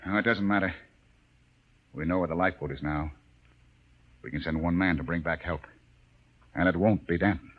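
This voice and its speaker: An actor playing a commanding, practical spaceship captain in a 1950 radio drama. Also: male voice, low-pitched, moderate pace, long pauses, dry recording. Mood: brisk, commanding. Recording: dull, dry 1950s radio recording.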